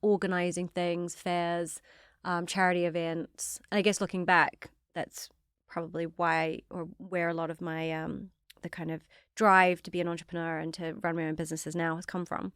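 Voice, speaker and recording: A young woman from New Zealand with a New Zealand accent, chatting as an interview guest about her career in a quick, self-deprecating way. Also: lowish voice, little pitch movement, a bit bright, clear, resonant tone, dry recording, clean studio sound. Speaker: guest, fashion founder. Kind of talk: casual interview storytelling.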